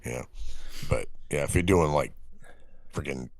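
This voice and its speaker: A man co-hosting a podcast in casual chat, laid-back and swearing, often mimicking people in a high voice. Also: unhurried, creaky, dry recording. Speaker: podcast co-host.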